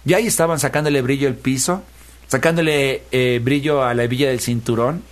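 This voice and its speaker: A playful male storyteller spins a folk tale. He keeps it lively and builds a steady rhythm out of repeated phrases. His voice sits at an ordinary middle pitch. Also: a little fast.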